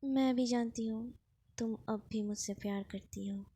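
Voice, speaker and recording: A teasing, pushy young woman, as a woman narrator plays her in a narrated story, taunting in a playful tone. The voice sits a little high and sounds mellow rather than bright. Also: fairly even intonation, unhurried, husky.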